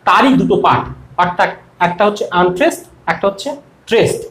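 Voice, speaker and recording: Lively Bengali male teacher, high voice, sing-song recitation, roomy echo. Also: fairly quick. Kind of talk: explaining a poem to students. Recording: echoey room.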